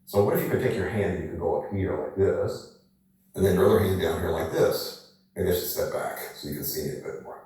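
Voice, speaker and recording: A man with a somewhat low voice leads energy exercises, coaching in a lively, coaxing way full of rhetorical questions. His voice rings with heavy room echo. He is some distance from the microphone. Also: brisk. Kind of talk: demonstrating physical exercises to camera.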